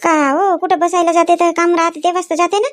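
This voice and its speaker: A woman's voice: extremely high pitch, fairly even intonation, fast. A woman playing a village wife in a comic sketch, teasing and scolding her husband.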